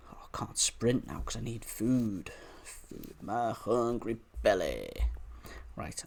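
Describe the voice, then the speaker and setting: Guy doing a chill let's play, talks you through every move, slow and animated. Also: mid-range voice. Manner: chatty, explains each move while playing. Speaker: gaming YouTuber. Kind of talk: casual let's-play commentary.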